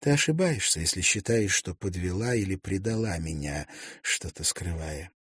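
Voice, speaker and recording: A man's voice: low-pitched, lively intonation, normal speed, husky, no echo, exaggerated voice. A man playing a kind, resolute young lady. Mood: gentle soothing. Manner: gentle but decisive. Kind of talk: audiobook character voice.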